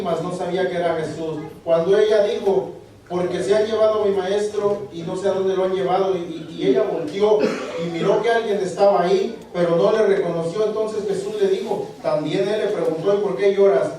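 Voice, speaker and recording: A man preaching a sermon, halting and repeating words as he asks the congregation for agreement. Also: sits high, dark tone. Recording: echoey room, voice from far off the mic.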